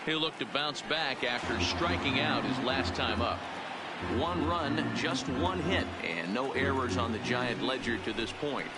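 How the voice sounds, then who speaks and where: A man calling baseball play-by-play in a crisp, brisk broadcast manner. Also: mid-range voice, lightly acted. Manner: crisp, rises in excitement on big plays. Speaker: play-by-play announcer. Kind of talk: sports commentary. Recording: loud crowd and ambient noise. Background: loud stadium crowd.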